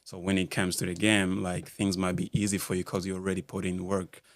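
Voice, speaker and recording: On a laid-back podcast, a Rwandan man who coaches basketball skills talks in a low, monotone voice. The studio mic gives a dry, clean recording, while his speech stumbles along, full of fillers as he searches for the right words.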